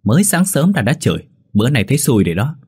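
Một người đàn ông giọng khàn, giọng miền Nam, lồng tiếng một gã trai trẻ say xỉn, lè nhè và ngang ngược. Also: male voice, medium pitch, big pitch swings, fast, breathy edge, pitched above the performer's own voice. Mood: belligerent. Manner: slurred, defiant shouting. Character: drunk, belligerent young man, slurring.

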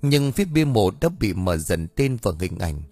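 A man narrating a story in a steady, even way. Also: lowish voice, moderate pace, no echo, faint music behind. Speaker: audiobook narrator.

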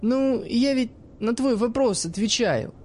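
A man voicing a cheeky, quick-tempered young woman who mocks and swears freely in a raised, high-pitched voice. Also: a little mellow. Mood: cocky. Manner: cocky, mocking, swears freely.

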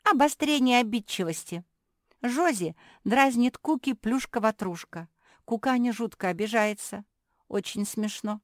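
A woman's voice: fairly high pitch, lively intonation, no room sound, studio quality, voice pushed up. A woman voicing a naive, chatty young female pug who blurts things out, in a storybook reading. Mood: eager. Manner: eager, blurts things out quickly. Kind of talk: storybook character voice.

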